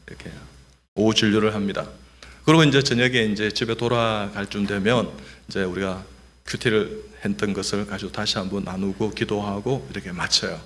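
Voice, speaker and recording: A middle-aged man, a doctor, giving a humorous testimony in church and leading the congregation in repeating phrases. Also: lowish voice. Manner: lively, joking, leads the congregation in repeating phrases.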